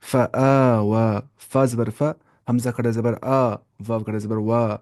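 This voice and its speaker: A young man teaches a live online Quran reading lesson in a mellow, mid-pitched voice. He sounds out each letter and vowel mark slowly before blending them into whole words. He often poses a question and answers it himself, checking that his students follow. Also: flat delivery.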